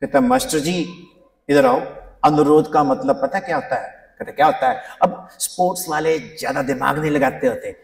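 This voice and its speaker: A man in his fifties, a physics teacher giving a humorous, animated motivational talk to students, mixing English phrases into his speech. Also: a little high, moderate pace. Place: large school hall. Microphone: handheld mic, recorded from a distance. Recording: echoey hall, distant mic.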